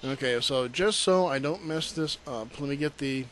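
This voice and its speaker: A man's voice: medium pitch, normal speed, slight background noise. A man hosting a live internet show in casual chat, rambling and joking between songs. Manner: jokey, rambling, breaks into laughs and impressions. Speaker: host.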